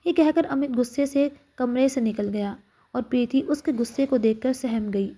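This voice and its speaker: Woman narrator for emotional audio stories, high soft voice, steady expressive delivery. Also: moderate pace. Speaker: storyteller.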